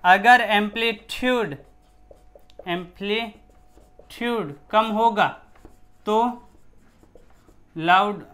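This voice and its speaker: A man's voice: high voice, extremely slow, pauses often, pushed and bright. Male science teacher explaining casually. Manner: repetitive, rhetorical questions, shifts voice to demonstrate.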